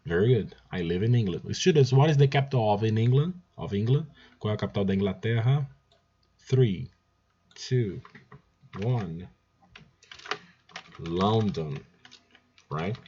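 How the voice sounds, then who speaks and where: A man's voice: fairly low pitch, animated, slow pace, long pauses, dark tone, lo-fi sound, a little hiss or hum. A man with a Brazilian Portuguese accent teaching English, drilling each phrase by repeating it and often calling out to his students. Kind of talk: recorded language lesson.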